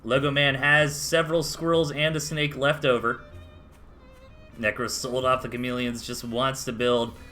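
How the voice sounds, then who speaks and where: A man's voice: mid-range voice, little pitch movement, moderate pace, pushed and bright, faint music behind. A man with a Southern US accent casting a strategy game match live, chatty play-by-play with casual asides. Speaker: esports caster.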